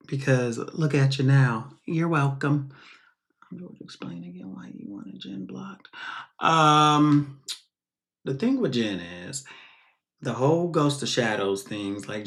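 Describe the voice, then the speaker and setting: A man runs commentary over clips of someone else, and his delivery stays defensive and sarcastic. His voice sits at a middling pitch. He keeps talking back at the person on screen. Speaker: streamer reacting to clips.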